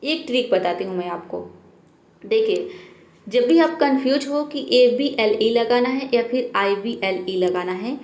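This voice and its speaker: A woman's voice: a little high, lively intonation, measured pace, darkish tone, reverberant. A woman teaches English spelling rules, patiently asking questions and answering them herself, and often checks in with "theek hai". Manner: keeps saying "theek hai" to check understanding.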